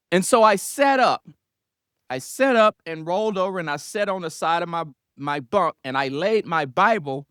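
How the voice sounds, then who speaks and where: A man tells his own faith story in an earnest, reflective way. His voice rises and falls across a lively range, and he now and then asks the listeners a question. The sound is dry, with no room echo. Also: fairly high pitch. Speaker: speaker giving testimony. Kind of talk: personal testimony storytelling.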